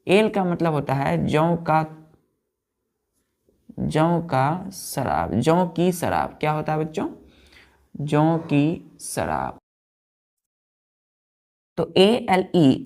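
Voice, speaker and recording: Low-voiced woman teacher, indian english accent, slow, keeps repeating words and asking if it's clear. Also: warm tone. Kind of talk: vocabulary lesson, explaining word by word.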